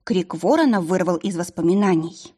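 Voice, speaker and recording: A woman reading a fantasy audiobook in a measured, expressive storytelling manner. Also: lowish voice, husky. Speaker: audiobook narrator. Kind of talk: scripted audiobook narration.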